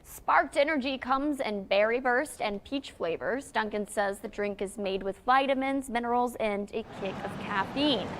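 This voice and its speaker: A woman reading news stories and time checks as a morning TV anchor, with a bright, upbeat delivery. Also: fairly high pitch, moderate pace, hardly any pauses, a little hiss or hum. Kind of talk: read news copy. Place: TV news studio.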